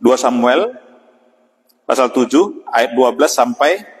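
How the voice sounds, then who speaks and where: A man's voice: mid-range voice, lively intonation. Man preaching an evening devotional, reverberant. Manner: unhurried, with frequent "ya" and pauses. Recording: long hall reverb.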